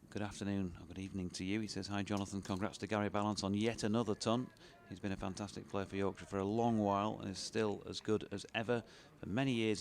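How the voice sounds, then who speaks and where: A man doing relaxed, chatty ball-by-ball radio cricket commentary. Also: deep voice. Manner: relaxed, chatty, with fillers and laughs between balls.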